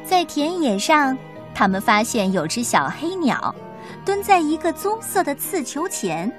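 A woman storyteller reading a children's picture book aloud in an expressive way. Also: high-pitched, measured pace, soft background music.

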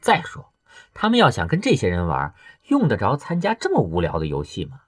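A man's voice: lowish voice, huge pitch swings, fairly quick, no echo, studio quality. A male audiobook reader voicing a gossipy young male office coworker who talks in a dismissive, chatty way. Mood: know-it-all. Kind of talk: audiobook character voice.

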